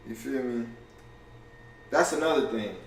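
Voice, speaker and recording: A man's voice: medium pitch, far from the mic, a little hiss or hum. A man chatting loosely to his camera in a casual livestream, slangy and profane, tripping over restarts and tossing in "you feel me." He is heard from some way off in a roomy space with faint ambience behind him. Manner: fast and offhand. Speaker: content creator going live.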